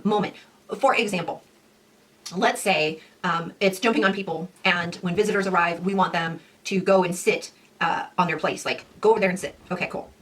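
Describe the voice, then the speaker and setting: Woman dog trainer, casual teaching talk, middle pitch, picked up from a little off-mic. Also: distant mic. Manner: animated, acts out owners and dogs in quoted voices.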